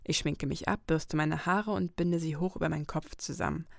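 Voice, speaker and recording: Woman narrator, first-person storybook reading, calm and even, slightly gravelly voice, dry close mic. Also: deep voice, normal speed, dry recording. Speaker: audiobook narrator.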